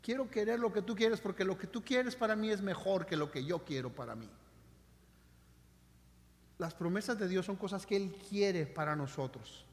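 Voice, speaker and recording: A male pastor preaching a sermon, swinging between loud emphasis and quiet, intimate lines. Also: sits high, normal speed, long reverb tail. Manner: animated preaching with dramatic swings in loudness. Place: church sanctuary.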